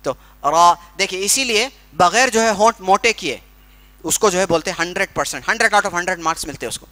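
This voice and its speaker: Bright, high-voiced male recitation teacher. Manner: explains pronunciation patiently, using everyday comparisons; demonstrates recitation slowly and drawn out. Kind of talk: recitation workshop lesson.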